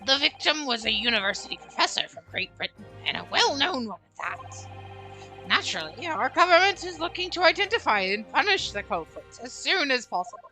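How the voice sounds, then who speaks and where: A woman doing a brisk government official. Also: high-pitched, sing-song, pushed and bright, faint music behind, heavily acted, low-quality recording. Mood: formal.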